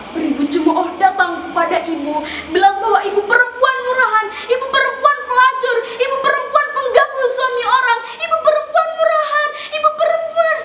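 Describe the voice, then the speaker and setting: A woman performing a theatrical monologue as an anguished, fatherless daughter, a sorrowful tragic heroine speaking in declamatory phrases with dramatic pauses. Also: very high voice. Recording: distant, echoey, clearly noisy room recording.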